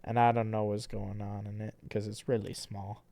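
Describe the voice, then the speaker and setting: A man streaming, reading a comic aloud in a deadpan, rambling way, stringing every beat together with repeated "and then". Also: on the low side, moderate pace, creaky, no room sound.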